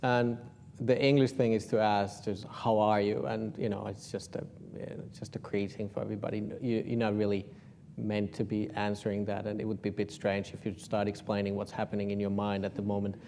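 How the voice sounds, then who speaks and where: A Finnish Buddhist monk guides a meditation informally, joking gently and using soft, slow guiding phrases. His Finnish-accented voice is fairly low, gravelly and flat in delivery, with slight background noise.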